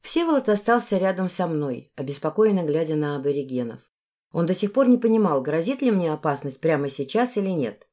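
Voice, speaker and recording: A woman narrating a fantasy novel in the first person with expressive phrasing. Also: sits low, brisk. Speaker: audiobook narrator.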